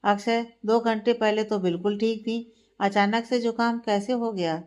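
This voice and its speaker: A woman's voice: fairly high pitch, fairly even intonation, moderate pace, a little mellow, lightly acted. A woman voicing an earnest, affectionate young man who questions his fiancée on a phone call in a read-aloud story. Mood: questioning.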